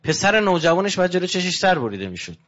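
A man giving a religious lecture, animated with rising emphasis, dropping low and hushed when he tells a story. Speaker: preacher. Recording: dull lo-fi recording.

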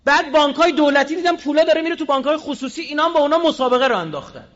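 A man giving a combative public speech, firing rhetorical questions and swinging between loud and quiet. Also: very high-pitched, lively intonation, in a large hall, highs cut off. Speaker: public speaker.

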